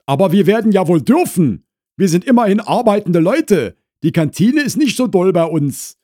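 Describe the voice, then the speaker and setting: A man voicing a fussy, indignant woman in her mid-fifties in a comic audiobook, with a high, loud, shrill voice. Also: very animated, normal speed, no room sound, clean studio sound.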